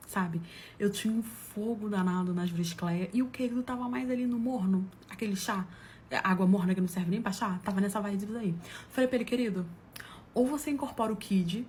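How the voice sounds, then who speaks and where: A woman's voice: on the high side, slight background noise. A woman from Brazil telling comic personal stories in a casual way, laughing and acting out what people said. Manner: animated, laughs at her own story, acts out quotes. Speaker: storyteller.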